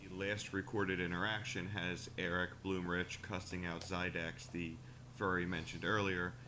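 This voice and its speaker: A man giving steady, scripted documentary narration about a fan community's history, played back from a video. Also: deep voice, moderate pace, a little hiss or hum. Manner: steady, informative storytelling.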